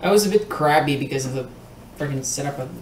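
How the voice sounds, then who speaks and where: A hesitant man mumbles his way through his turn at the game table. He sounds distant from the mic in an echoing room, with clear background noise around him. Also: mid-range voice, expressive, fast talker. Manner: hesitant, mumbles while counting. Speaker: board game player. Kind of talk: casual game-table chat. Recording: distant, roomy, noisy.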